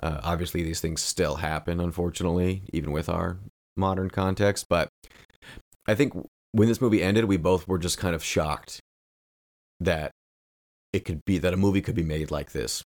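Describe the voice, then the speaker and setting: A man's voice: low voice, fairly even intonation, normal speed, darkish tone. A man co-hosting a podcast, talking through a film in an earnest, thoughtful way and drawing out key phrases. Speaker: podcast co-host. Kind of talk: casual film discussion.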